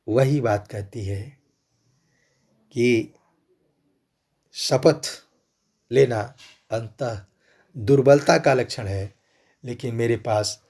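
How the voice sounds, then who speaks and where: A man explaining a classic poem, line by line, in a measured way of talking with short phrases. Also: mid-range voice, a little mellow. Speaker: literature teacher.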